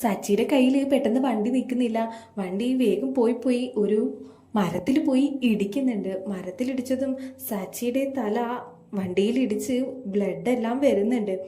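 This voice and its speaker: A woman narrates a serial recap in a steady, plain manner. Her voice sits a little high and sounds very mellow and dark in tone. The room around her is echoey. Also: moderate pace. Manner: plain steady retelling, reads all dialogue herself.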